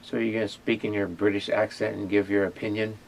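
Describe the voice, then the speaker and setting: A man hosting a casual food tasting video, talking in a halting way with many pauses and fillers. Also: lowish voice, flat delivery, vocal fry, a little hiss or hum. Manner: hesitant, many fillers and restarts. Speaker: ministry owner and host. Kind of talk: casual chat and taste test.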